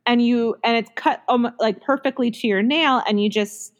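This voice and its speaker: Co-hosting a podcast, a thirtysomething woman with a fairly high voice talks at a normal speed. She keeps things casual, laughs a lot, and leans heavily on likes and ums.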